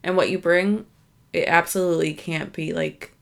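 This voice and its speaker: A woman's voice: on the low side, steady tone, normal speed, vocal fry, a bit bright. An American woman co-hosting a podcast with her husband, speaking in a thoughtful, agreeable way with many fillers. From United States. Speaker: podcast co-host. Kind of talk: casual chat.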